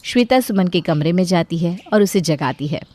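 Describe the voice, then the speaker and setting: Expressive woman narrating a story. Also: on the low side, moderate pace, dry recording.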